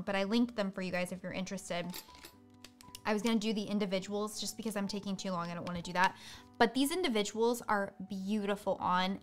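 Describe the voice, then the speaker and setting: A woman hosting a live makeup tutorial, chatting quickly through each product. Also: medium pitch, a bit bright. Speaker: beauty host.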